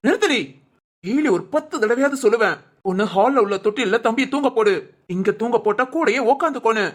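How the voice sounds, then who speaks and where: A voice actor playing an angry young husband in a cartoon, scolding his wife in a sharp, bossy way. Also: medium pitch, fast talker, natural voice. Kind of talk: cartoon voice acting.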